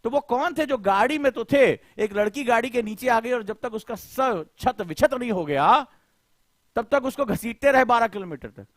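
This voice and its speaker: Coaching teacher guy, high voice, fired up, asks students question after question, dry close sound. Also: expressive, moderate pace, a bit bright, no echo. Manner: impassioned, rhetorical questioning; colloquial, addresses students directly. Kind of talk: live online lecture.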